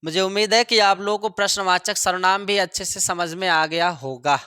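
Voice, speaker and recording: A male teacher giving a grammar lesson, repeating each example sentence slowly for students to copy. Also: high voice, fairly even intonation, bright, forceful tone, clean tone, no echo, studio quality. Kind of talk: classroom lesson.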